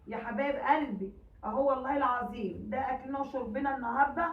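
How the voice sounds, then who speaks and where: Hoarse Egyptian woman, rapid pleading chatter. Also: high voice. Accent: Egyptian Arabic. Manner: emotional, pleading, rambling. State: hoarse from a cold. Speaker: cooking vlogger. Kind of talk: casual chat to viewers. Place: home. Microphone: phone. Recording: echoey, tinny phone recording from a distance.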